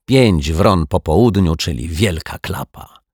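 A man voicing an earnest, slightly bumbling detective in an audiobook, in a gently reasoning manner. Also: deep voice, lively intonation, measured pace, gravelly, husky, dry recording, studio quality, exaggerated voice. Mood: urgent. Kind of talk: audiobook character voice.

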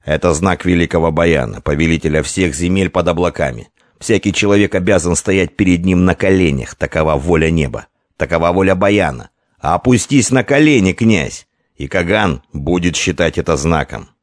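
A man reading an audiobook and voicing an arrogant, menacing Avar envoy who shouts threats in a high, strained roar. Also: big pitch swings, moderate pace, no room sound, clean studio sound. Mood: haughty, threatening.

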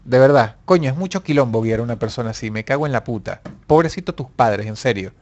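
A man's voice: mid-range voice, lively intonation, fast talker, lo-fi sound. A young man hosting a casual live stream, reading viewer comments and answering them with profane, mock-angry jokes.

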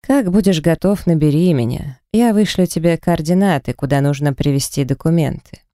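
A man's voice: a little high, moderate pace, mellow, dry recording, studio quality, natural voice. A man voicing a cruel male kidnapper who taunts in a mocking, sing-song way. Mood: menacing.

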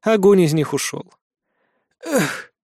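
A man narrating a first-person audiobook in a lively, vivid storytelling manner. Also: fairly high pitch, fairly quick, dry recording, studio quality.

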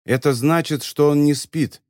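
A man's voice: a little high, fairly even intonation, a little slow, darkish tone, no echo, studio quality, lightly acted. A man voicing Rips, a young girl who talks offhandedly and a little teasingly, in an audiobook. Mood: offhand.

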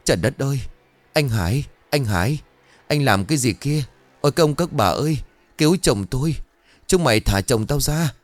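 A man's voice: medium pitch, expressive, fairly quick, darkish tone, no room sound, pitched above the performer's own voice, close to an everyday voice. A man voicing a hysterical middle-aged village widow who wails and pleads, in a storybook ghost tale. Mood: frantic pleading. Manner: wailing, pleading cries.

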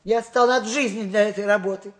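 A woman's voice: mid-range voice, fairly even intonation, fast talker, close to an everyday voice. An actress playing an ironic, proud old mother-in-law in a drama, with a theatrical, wry way of talking. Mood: wounded, indignant. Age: older. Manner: wry, theatrical, repetitive interjections. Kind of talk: naturalistic stage or film drama acting.

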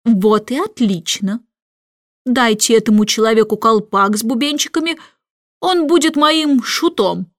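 A woman voicing a muddled, boastful, childlike king who talks slowly and grandly. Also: fairly high pitch, dry recording, studio quality, close to an everyday voice. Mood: jubilant.

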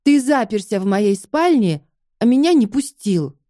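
A woman's voice: on the high side, very animated, measured pace, dark tone, no room sound, studio quality. A woman voicing a feisty, exasperated young heroine in an audiobook, protesting indignantly. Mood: hurt. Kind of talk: audiobook first-person dialogue.

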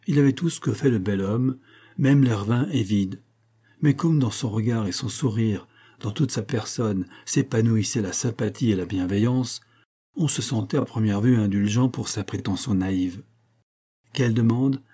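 A man reading a classic novel aloud in a measured, even narration. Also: fairly low pitch, husky. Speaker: audiobook narrator. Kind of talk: literary audiobook narration.

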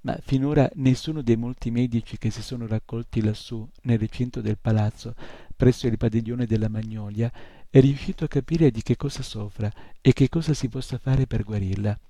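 A man's voice: mid-range voice, steady tone, normal speed, no echo, close to an everyday voice. A man doing a tiny courteous storybook creature. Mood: polite explaining. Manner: soft, courteous, slightly smug. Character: tiny polite male creature, quietly knowing.

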